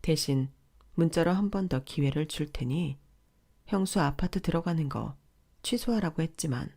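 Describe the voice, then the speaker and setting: A young woman narrating a radio drama in a calm, firm storytelling voice. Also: low-pitched, moderate pace, gravelly, slightly rough.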